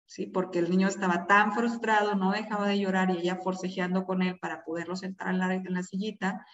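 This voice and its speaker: A woman leading an online parenting class, talking conversationally with many fillers and often checking in with her listeners. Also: medium pitch. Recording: distant, echoey, dull sound.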